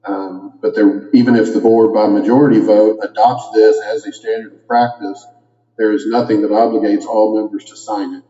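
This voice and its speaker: A man with a Kentucky accent, a board attorney, explaining carefully and deliberately, slightly muffled by a cough drop. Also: lowish voice, level tone, mellow, soft background music. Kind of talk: formal legal explanation. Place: meeting room. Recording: echoey hall, dull lo-fi sound.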